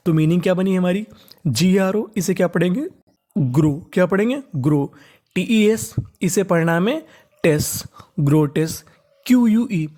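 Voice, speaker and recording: A teacher from India leads a reading lesson at a steady middle pitch. The teacher spells each word out letter by letter, then repeats it slowly several times. Each step is drilled by asking a question and answering it straight away.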